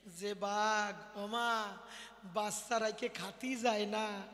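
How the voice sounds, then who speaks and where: Hoarse high-voiced rural folk preacher man. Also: fairly even intonation, pushed and bright, big-room sound. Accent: rural Bengali dialect. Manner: drawn-out, swelling sung calls. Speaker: kobigaan singer-preacher. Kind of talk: folk devotional storytelling sermon. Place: outdoor folk gathering.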